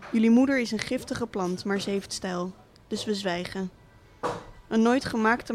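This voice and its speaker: A cynical, wealthy father who walked out on his family, talking in a dry, unhurried, sardonic tone, as a woman reads him aloud. The voice sits at an ordinary middle pitch, with measured pacing. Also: a little hiss or hum, close to an everyday voice. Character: cynical rich middle-aged father, absent tycoon. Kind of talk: literary monologue reading.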